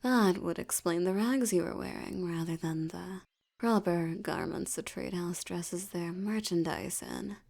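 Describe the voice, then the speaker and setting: A woman with a lowish, darkish voice plays a haughty vampire predator in intimate audio roleplay. Breathy and near a whisper, she teases and talks down slowly and deliberately.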